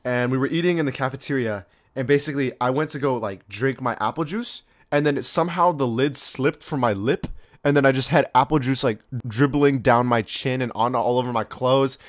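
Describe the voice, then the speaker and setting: A young man chats through a countdown of awkward moments in loose slang, full of "like" and "bro". His voice sits at a middling pitch. The room sounds dry, with the mic close up. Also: fairly quick, no echo. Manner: slangy, rambling, with many fillers and mock-quoted voices. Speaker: video host. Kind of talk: casual countdown commentary.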